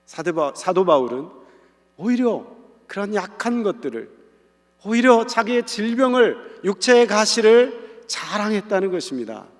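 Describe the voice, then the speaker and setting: A male pastor delivers a sermon in a church sanctuary, speaking earnestly and drawing his listeners in with direct questions. His voice sits a little high for a man, and it rings out with the long reverb of the hall. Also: sing-song, moderate pace. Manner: earnest, conversational preaching with asides to the congregation.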